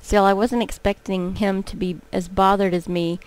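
A woman's voice: medium pitch, little pitch movement, moderate pace, clear, resonant tone, rough recording. A woman casually reading a dating game's text aloud for a walkthrough, with small slips. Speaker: game commentator.

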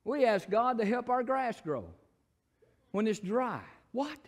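A man with a Southern accent, a pastor preaching a sermon in church, moving between shouted scripture and quiet, folksy asides. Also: expressive, slow. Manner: preaching, swings from shouted proclamation to low asides. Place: church sanctuary.

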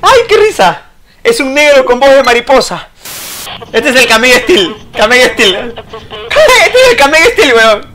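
A man doing loud let's-play commentary, swearing, yelping and ranting at the game. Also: very high-pitched, animated, measured pace. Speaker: gaming YouTuber.

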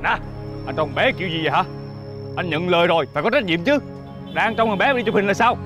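An actor playing a reproachful boss who keeps blaming others. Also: male voice, high-pitched, quick pace, over music, lightly acted. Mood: accusing. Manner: accusing, scolding. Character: reproachful male boss, quick to blame. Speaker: actor in a TV family drama. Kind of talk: television drama acting.

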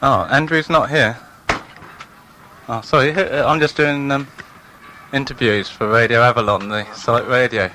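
A man's voice: mid-range voice, normal speed, background noise. A man roving around a farmhouse doing casual on-site interviews for a site radio station, chatty and full of fillers. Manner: chatty, rambling with many fillers.

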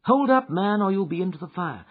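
A man voicing a sharp, commanding male detective who speaks briskly and forcefully. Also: high-pitched, animated, breathy edge, voice pushed up. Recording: dull lo-fi recording.

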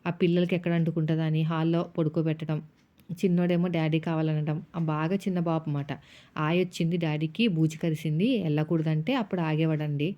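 A woman's voice: sits low, steady tone, a little fast. A woman, a housewife vlogger, chatting casually as she narrates her day and retells family arguments. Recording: dull lo-fi sound.

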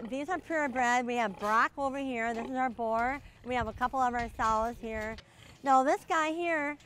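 A woman's voice: on the high side, fairly bright tone, slight background noise. A middle-aged woman farmer from Minnesota, chatting easily while giving an outdoor farm tour, with lots of "you know" fillers. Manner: easygoing, folksy, many "you know" fillers. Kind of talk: casual farm tour interview.

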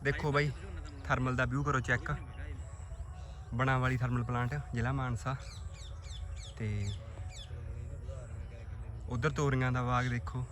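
Bright-voiced Punjabi man vlogging outdoors. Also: mid-range voice, little pitch movement, unhurried, pauses often. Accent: Punjabi, Malwa. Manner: chatty, addresses viewers and friends informally. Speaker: vlog host. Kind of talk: casual farm vlog commentary. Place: outdoors in a farm field.

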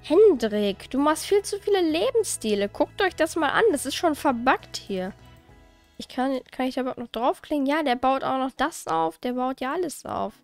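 A woman's voice: high-pitched, expressive, moderate pace, soft background music. A woman hosting a let's play, giving casual, chatty commentary as she plays, often exasperated and swearing lightly.

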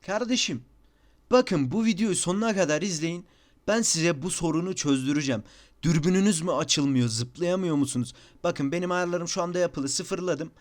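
A young Turkish man with a higher-pitched voice records a casual gaming tutorial on a desk microphone over his screen capture. Speaking at normal speed and chatty, he sounds a bit exasperated and keeps repeating "bakın" and "abi."

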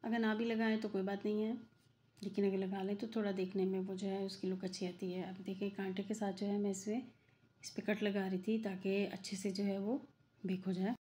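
A middle-aged woman with a dark, mid-range voice speaks briskly and flatly, with a slight hiss or hum on the recording. She hosts a cooking channel and, in her home kitchen, voices over her video chattily and repetitively, using many fillers.

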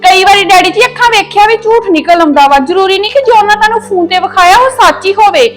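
A woman's voice: very high-pitched, quick pace, soft background music. A young woman playing a loyal younger daughter who earnestly pleads with her father for her sister. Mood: pleading. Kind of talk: domestic drama acting.

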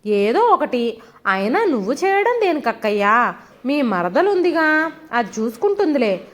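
Worn-out grumbling husband in a storybook, read by a woman, high voice. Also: big pitch swings, a little slow, exaggerated voice. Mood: irritated. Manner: irritated, placating. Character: weary middle-aged husband, irritable but reasoning.

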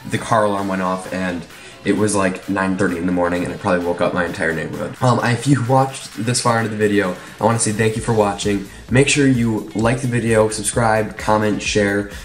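A man's voice: lowish voice, fairly even intonation, a little fast, faint music behind. A young man vlogging to a handheld camera from inside his car, talking in a loose, rambling way with lots of fillers. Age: young adult. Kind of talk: casual vlog narration. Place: inside a car in a garage, also a bedroom. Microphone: handheld camera at arm's length.

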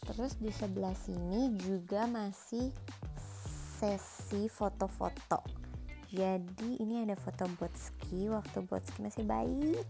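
A woman's voice: medium pitch, takes it slowly, gravelly, music in the background. A young woman casually narrating a house tour, describing rooms one after another. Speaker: vlogger giving a house tour.

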